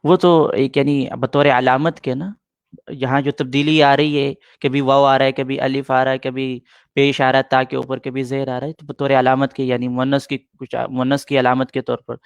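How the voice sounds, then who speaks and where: A man's voice: medium pitch, flat delivery, clean tone, dry recording. A middle-aged man teaching an Arabic grammar lesson in a patient way, repeating points and answering students' questions.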